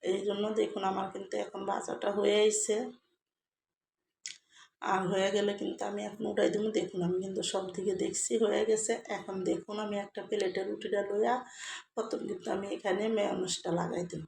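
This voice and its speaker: A hoarse woman, narrating a step-by-step cooking video in a home kitchen. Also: mid-range voice, brisk, roomy sound, slight background noise. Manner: steady, repetitive home-cook explaining. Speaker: cooking vlogger.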